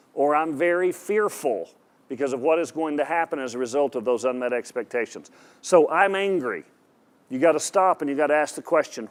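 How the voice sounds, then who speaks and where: A pastor with a slightly high voice preaches to an audience in a hall. He's emphatic and direct, often putting questions to his listeners and repeating his words.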